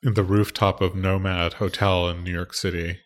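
A man's voice: low voice, level tone, normal speed. A man in his forties co-hosting a casual podcast, teasing his partner with dry banter and telling stories. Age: 40s. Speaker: podcast co-host. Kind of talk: casual chat.

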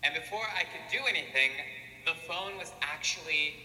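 A man preaching a homily as a priest, telling a personal story with deliberate pauses in an echoing church. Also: fairly high pitch, animated, bright, forceful tone. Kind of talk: homily told as personal anecdote. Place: large reverberant church. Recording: echoey church, long reverb, background noise.

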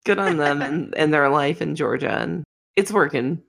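Young woman co-host, low-pitched, rambling, laughing chat. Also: normal speed, gravelly, fairly bright tone. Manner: rambling, laughs often, self-interrupting. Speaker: podcast co-host. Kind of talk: casual chat.

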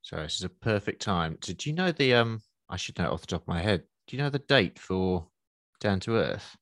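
Casting: male podcast host, lower register, informal and halting questions, dry close sound. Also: expressive, fairly bright tone, no echo. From Essex, England. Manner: informal, restarts questions mid-sentence. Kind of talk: casual chat.

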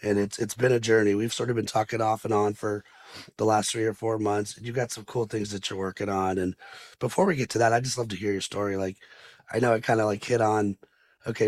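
Chatty, rambling male podcast host. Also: lowish voice. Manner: chatty and loose, full of "like" fillers and restarts. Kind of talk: podcast interview.

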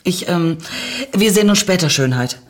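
A woman voicing a flustered young woman who stammers, in a husky voice. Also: fairly low pitch, animated, normal speed, voice pushed up. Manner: stuttering, flustered.

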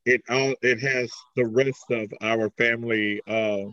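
Slow, halting masked wrestler, man. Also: mid-range voice, steady tone, a bit bright, no echo, highs cut off. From Greece. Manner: halting, searching for words. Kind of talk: interview answers.

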